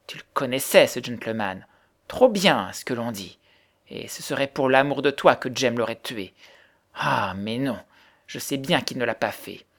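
A man's voice: medium pitch, animated, normal speed. Brief: a man playing a fierce grieving widow, harsh and accusing, in a storybook reading. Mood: scornful. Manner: harsh, accusing, later softening into sobs.

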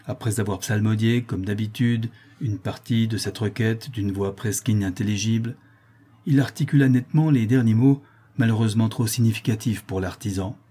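Male audiobook narrator, mellow dark tone, husky, measured reading. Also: fairly low pitch. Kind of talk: scripted narration.

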